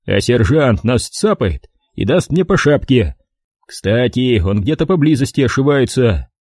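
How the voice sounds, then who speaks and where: Guy playing grumpy corporal, grumbly and snarky, mellow husky voice. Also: medium pitch, very animated, unhurried, dry recording. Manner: grumbling, sarcastic. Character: grumpy irritable male army corporal.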